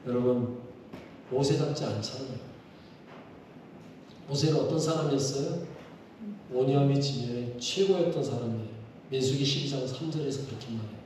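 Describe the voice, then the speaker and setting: A male pastor preaching a sermon during a church service, animated and full of rhetorical questions put to the congregation. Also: medium pitch, normal speed, pauses often. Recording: echoey hall from far off, faint noise.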